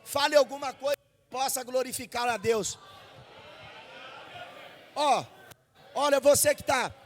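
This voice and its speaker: A Brazilian man preaching a fervent Pentecostal sermon into a handheld mic at a church service, shouting and repeating phrases for the congregation. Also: very high-pitched, unhurried, in a large hall, slight background noise. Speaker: pastor. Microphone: handheld microphone.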